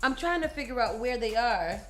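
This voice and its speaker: A woman's voice: on the high side, expressive, brisk, faint music behind. A woman hosting a casual morning radio show, reading the weather and news aloud and reacting as she goes.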